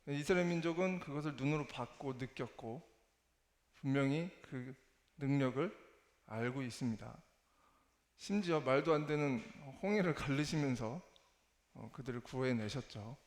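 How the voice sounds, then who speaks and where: A man giving a church testimony in Korean in a hesitant, self-deprecating and halting manner. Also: medium pitch. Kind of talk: church testimony, spoken sermon. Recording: echoey hall with long reverb.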